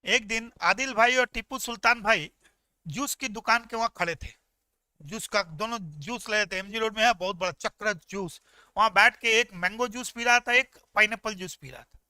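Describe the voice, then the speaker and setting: A male tax teacher giving an energetic, joking classroom lecture, talking straight to his students. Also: high-pitched, normal speed, smooth, dry recording.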